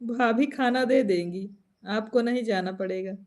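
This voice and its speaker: A woman's voice: a little high, a little slow, darkish tone. A woman folk singer with an Awadhi Hindi accent, chatting at home on a live stream, laughing often and answering viewer comments.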